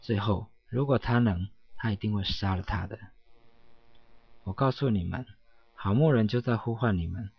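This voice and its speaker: Man, slightly husky, solemn scripture reading, preaching cadence, dry muffled lo-fi sound. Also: on the low side, normal speed, dry recording. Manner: preaching cadence, repeated emphatic affirmations. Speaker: scripture reader. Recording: dull, dry lo-fi recording.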